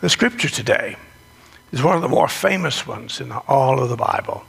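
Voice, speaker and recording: A man preaching as a pastor in a strangled, choked-up, congested voice, hoarse from a sinus infection, with a deliberate, folksy delivery. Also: medium pitch, lively intonation, fairly bright tone. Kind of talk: sermon, children's talk and scripture reading. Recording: long echo of a large hall.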